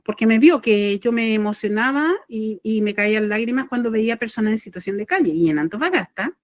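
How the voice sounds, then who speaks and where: A middle-aged Chilean woman with a fairly high voice tells a personal story in casual spiritual talk. She rambles, restarts her sentences and speaks from the heart. Her voice sounds close and dry, with no room around it. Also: dry recording. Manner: rambling, self-correcting, heartfelt. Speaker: spiritual channeler and podcast host.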